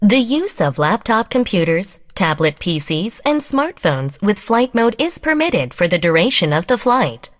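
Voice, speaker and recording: Very slow woman making a cabin announcement. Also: medium pitch, very animated. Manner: formal, measured announcing. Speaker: flight attendant announcer. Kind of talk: plane cabin safety announcement, scripted.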